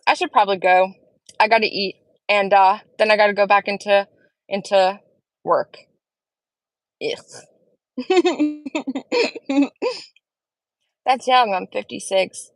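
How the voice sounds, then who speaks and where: With a mid-range voice and no room sound, a livestream host chats casually from home. She reads viewers' comments and replies to them earnestly.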